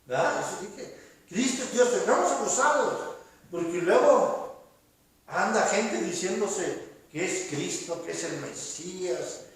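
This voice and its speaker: A pastor delivers a sermon in an unhurried, chatty way, mixing jokes with the quoted voices of his congregation. His voice sits high for a man. He sounds distant from the mic, with a strong echo filling the church. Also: lively intonation. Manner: conversational and humorous, acting out quoted voices. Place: church sanctuary. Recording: roomy echo, speaker far from the mic.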